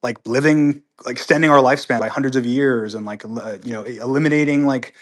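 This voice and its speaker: A man's voice: medium pitch, fast. Rambling man chatting live at home. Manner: rambling, with many restarts and fillers; upbeat and earnest when disagreeing. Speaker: host of a live audio chat room. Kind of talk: casual live chat answering listener comments. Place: at home with pets nearby.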